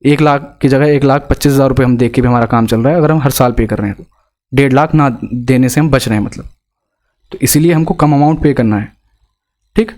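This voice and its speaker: A man's voice: mid-range voice, fairly quick, a little mellow. A male math teacher with an Indian accent, explaining exam problems step by step and asking students rhetorical questions. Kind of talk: exam-prep math lesson.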